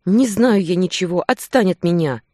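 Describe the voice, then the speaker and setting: The reader voicing a young female she-wolf, frightened and furious, who shouts through tears in a romance audiobook. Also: mid-range voice, animated, moderate pace, no room sound, clean studio sound, pitched above the performer's own voice, lightly acted. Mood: shouting angrily. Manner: shouting, tearful outbursts.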